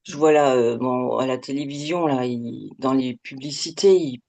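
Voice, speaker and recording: A middle-aged woman giving candid, hesitant interview answers, her voice digitally shifted deeper to keep her anonymous. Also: moderate pace, vocal fry, mellow. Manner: hesitant, with frequent trailing filler words.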